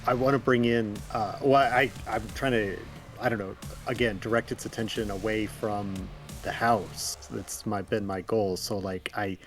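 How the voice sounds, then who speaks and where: A man playing a tabletop game, talking hesitantly and restarting his sentences. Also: lowish voice. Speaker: player. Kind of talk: casual tabletop play.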